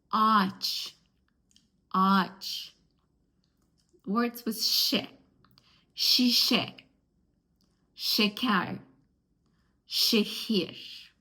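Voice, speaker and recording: A woman teaching a language lesson, patiently sounding out letters and repeating each word. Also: on the high side. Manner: patient, spells out sounds slowly and repeats words. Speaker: Turkish teacher.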